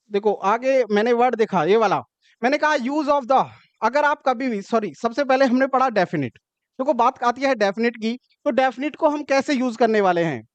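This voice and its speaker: A man with a very high, smooth, clear voice teaches a grammar lesson, recorded close and dry with no room sound. He goes step by step and keeps asking the class whether the point is clear. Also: no echo. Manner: explains step by step with frequent check-in questions.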